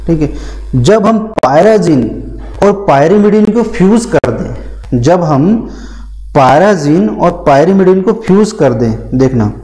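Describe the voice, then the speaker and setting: A man's voice: a little high, dark tone, low-quality recording. A man teaching a pharmacy class at a board, explaining step by step, repeating key terms and answering his own questions. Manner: calls students "beta". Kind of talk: whiteboard lecture.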